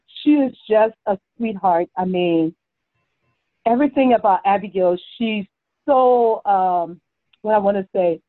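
A woman's voice: fairly high pitch, dry recording. A woman, a mother who is a guest on a podcast, chatting casually and telling stories, laughing often. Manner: warm storytelling, laughs often. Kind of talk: casual interview chat. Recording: tinny phone-like line, dry.

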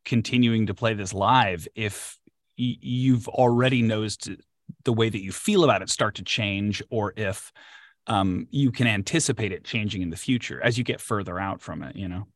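A man with a fairly low voice hosts a casual interview, speaking at a moderate pace and asking long, thoughtful questions that ramble a bit. The recording has a dry, close sound.

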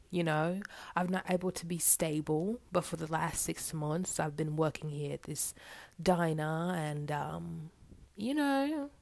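A woman's voice: deep voice, gravelly, no room sound, exaggerated voice. A woman voicing an overwhelmed young waitress who talks in an earnest, rambling way. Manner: earnest, rambling, swears when annoyed.

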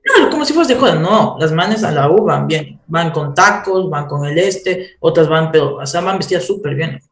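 A man's voice: fairly high pitch, normal speed. A man with an Ecuadorian accent, telling stories in a casual chat and laughing as he goes. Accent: Ecuadorian Spanish. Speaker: guest. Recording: roomy echo.

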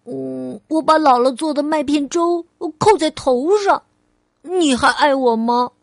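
A woman voicing a curious little girl who keeps asking whether she is still loved, in a raised, louder child voice. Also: a little slow, gravelly, no echo, studio quality. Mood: pleading. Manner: asks questions in a higher, louder child voice.

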